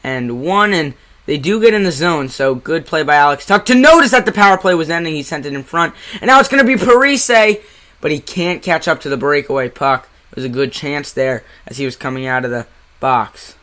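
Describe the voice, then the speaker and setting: Bright-voiced New Jersey man calling hockey. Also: fairly high pitch, fairly quick. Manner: excitable on big plays, chatty asides to chat. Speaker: amateur play-by-play streamer. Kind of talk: live play-by-play commentary.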